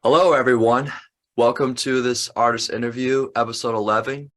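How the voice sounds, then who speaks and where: A man's voice: medium pitch, fairly even intonation, normal speed, a bit bright. A young man hosting an interview, friendly and hesitant with fillers. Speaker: host. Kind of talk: casual interview.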